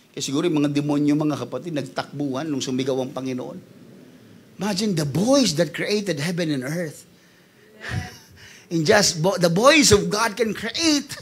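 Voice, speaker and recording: High, gravelly pastor preaching. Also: male voice. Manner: passionate preaching, swings from hushed to shouting. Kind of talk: sermon.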